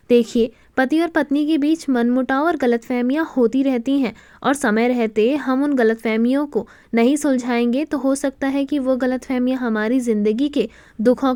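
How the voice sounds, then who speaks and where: A woman's voice: high-pitched, a little mellow, clear, resonant tone, no room sound, clean studio sound, natural voice. A woman voicing a bold, direct young wife who confronts her family with pointed questions.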